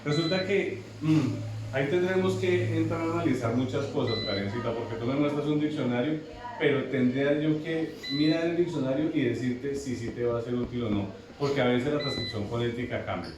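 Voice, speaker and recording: A man with a somewhat high voice lectures to a class, often repeating words and checking that students follow. He sounds far from the microphone in a very echoey classroom. Steady room noise runs under his voice. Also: normal speed. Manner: repetitive, asks students checking questions. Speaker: English teacher. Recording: very echoey classroom from afar, noisy.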